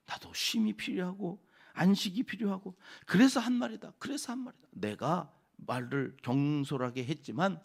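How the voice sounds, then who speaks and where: Pastor, male, slightly high, gravelly voice; chatty dawn sermon, asks and answers himself. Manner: conversational, asks the congregation questions and answers them. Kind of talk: early-morning sermon.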